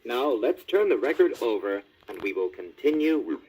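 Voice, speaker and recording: A man narrating a children's storybook record, with expressive, scripted delivery. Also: medium pitch, moderate pace, a little hiss or hum, rough recording. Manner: animated, expressive.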